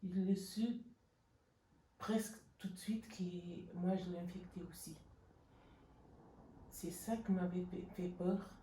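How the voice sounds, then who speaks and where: A woman giving a hesitant anonymous testimony, her voice pitch-shifted deeper to hide who she is. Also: fairly even intonation, warm tone, roomy sound, recorded from a distance, slight background noise, rough recording. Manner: halting, hesitant, with many restarts and fillers. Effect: voice pitch-shifted deeper to disguise it. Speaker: anonymous interviewee. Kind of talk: personal testimony.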